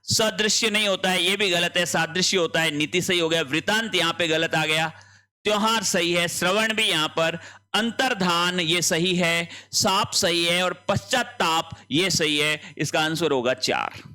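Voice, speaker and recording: Male tutor, high-pitched, walks students through answer options one by one. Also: sharp tone. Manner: explains each option step by step, checking in with students. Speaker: Hindi exam tutor. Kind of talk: exam answer-key lesson.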